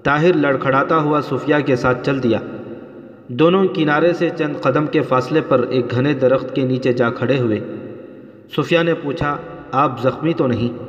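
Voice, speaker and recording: A man reading a novel aloud in a steady, dramatic way, heard as dull, lo-fi audio in a roomy space with long reverb. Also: medium pitch. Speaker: narrator. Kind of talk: scripted narration of a novel.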